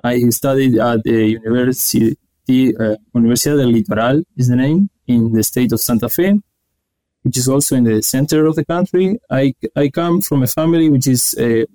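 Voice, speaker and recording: A young man from Argentina, giving earnest, halting answers as an interview guest. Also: mid-range voice, mellow, poor audio. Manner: earnest, halting, restarts phrases. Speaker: guest researcher.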